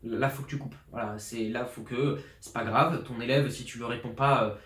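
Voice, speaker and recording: A fired-up fitness coach in his 20s rambles through his year in a casual vlog, full of restarts and fillers, from his apartment flat. His medium-pitched voice stays fairly even at a normal pace with a fairly bright tone. A borrowed pro journalist mic catches plenty of room reverb.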